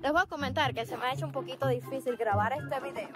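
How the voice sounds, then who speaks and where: A young Cuban woman casually telling anecdotes to camera outdoors in the wind, chatty and animated. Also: sits high, fast talker, over music. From Cuba. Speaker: vlogger. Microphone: camera or phone built-in mic.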